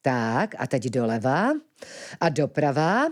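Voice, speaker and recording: A woman's voice: rumbling low, big pitch swings. A woman doing a falsely polite villain. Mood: oily politeness. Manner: mock-courteous, gloating. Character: scheming gentlemanly male villain, falsely polite.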